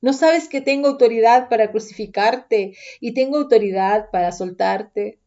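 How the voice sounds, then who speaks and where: A woman reading the part of Pilate, a grown-man governor, in a measured, questioning voice. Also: a little high, a little mellow, highs cut off, lightly acted.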